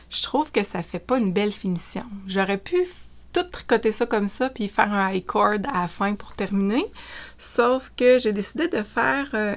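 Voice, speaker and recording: Québécoise lady chatting about her knitting, relaxed, lots of little fillers. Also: medium pitch. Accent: Quebec French. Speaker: knitting vlogger. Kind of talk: casual show-and-tell chat.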